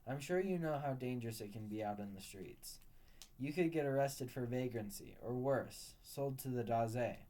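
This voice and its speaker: Bitter defiant young runaway guy, low mellow voice, narrator reading him. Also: normal speed, lightly acted. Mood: persuasive.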